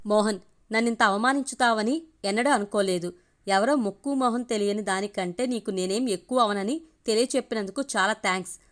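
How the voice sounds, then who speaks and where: A woman's voice: mid-range voice, brisk, close to an everyday voice. A woman reading the lines of a proud, indignant young woman in a family story. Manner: sharp, scornful retorts.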